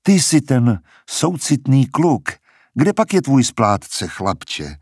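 A man reading a cold, mocking older woman scientist with slow, condescending taunts in a husky voice. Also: mid-range voice, sing-song, a little mellow, no room sound, clean studio sound, pitched above the performer's own voice. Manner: condescending, sly, drawn-out taunts.

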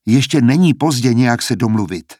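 A man putting on a tense young man in a storybook, chasing a girl through the woods, calling after her in a husky voice that gets louder and sharper as his temper builds, recorded dry and close with no room around it. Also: medium pitch, lively intonation, no room sound, close to an everyday voice. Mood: coaxing. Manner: shouts in rising anger.

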